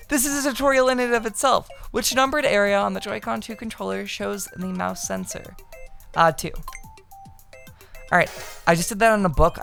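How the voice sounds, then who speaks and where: A woman streamer chatting casually on a live stream, excitable and swearing freely as she reads game text aloud. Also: medium pitch, gravelly.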